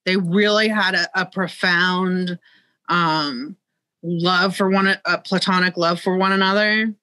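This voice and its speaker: Bright-voiced woman museum guide on a video call. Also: lowish voice, steady tone, slow, dry recording. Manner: knowledgeable, hesitant with frequent ums. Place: museum exhibit room, indoors. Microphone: video call, webcam.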